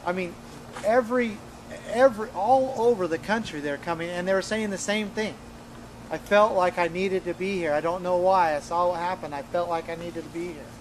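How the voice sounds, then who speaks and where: Man, earnest and emphatic storyteller, slightly high voice, repeats himself, faint noise underneath. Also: normal speed, rough recording. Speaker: interviewee recounting events. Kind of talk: conversational storytelling.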